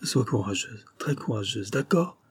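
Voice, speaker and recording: A man reading a grim young husband who breaks terrible news in a quiet, subdued way. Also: medium pitch, brisk, slightly rough, natural voice. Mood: hushed.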